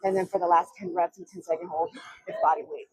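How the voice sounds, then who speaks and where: A woman's voice: lowish voice, flat delivery, fast, a little mellow, husky, dry recording, rough recording. A young woman vlogging her workout in a gym, out of breath and counting reps with strained grunts. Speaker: fitness vlogger.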